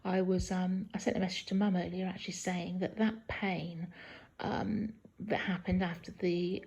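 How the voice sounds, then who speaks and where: A woman talking casually in a halting video diary from a hospital room, sounding weak and tired and in some pain hours after surgery. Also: fairly low pitch, little pitch movement, darkish tone. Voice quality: husky, creaky. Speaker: patient recording a post-op video diary.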